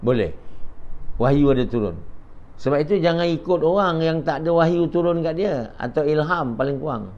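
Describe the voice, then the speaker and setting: A man's voice: on the high side, lively intonation, normal speed. An older man from Malaysia, giving a conversational after-dawn religious lecture full of rhetorical questions and quoted dialogue. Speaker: preacher. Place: home prayer gathering. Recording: dull lo-fi recording, faint noise.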